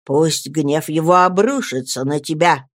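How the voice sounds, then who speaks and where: Protective old crone, low and accusing, voiced by a woman reader; storybook read. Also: measured pace, dry recording, studio quality.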